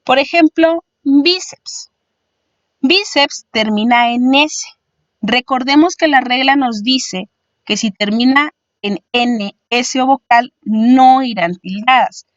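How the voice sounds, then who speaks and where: A woman's voice: sits high, takes it slowly, no room sound, highs cut off. A woman teacher explaining spelling rules patiently, step by step, like a voice-over lesson.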